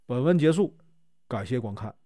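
A man with a Northeastern Chinese accent telling a folk tale in a colloquial, drawn-out storytelling manner. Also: medium pitch, dry recording, studio quality. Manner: lively, colloquial with drawn-out particles.

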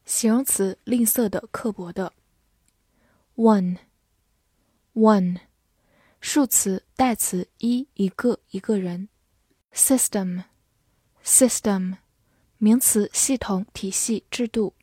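A woman teaching English vocabulary, saying each word twice and then listing its meanings in a measured reading. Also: mid-range voice, warm tone, slightly rough, dry recording, studio quality.

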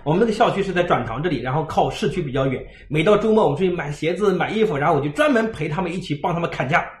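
A man giving a livestream parenting lecture, telling stories in a lively way and acting out the dialogue. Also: a little high, rapid-fire, echoey room. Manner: lively storytelling, acts out dialogue.

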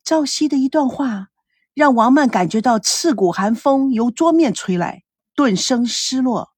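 Expressive woman reading a drama story. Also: high-pitched, a little slow, slightly rough, no room sound. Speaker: story narrator. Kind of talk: scripted story narration.

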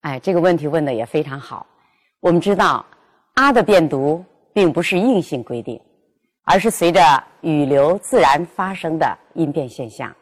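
A woman teaching pronunciation, carefully and deliberately sounding out each example. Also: sits low, animated. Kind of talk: instructional lesson with spoken examples.

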